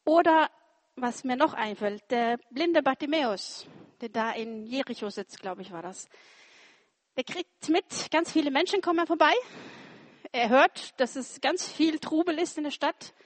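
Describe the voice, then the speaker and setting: A woman preaches an informal sermon in a fairly high, bright-edged voice, recorded close and dry. She talks to her listeners conversationally, tossing in little tag questions. She reads scripture aloud and brings quoted speech to life. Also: a little slow, no room sound. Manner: acts out quoted speech with lively shifts.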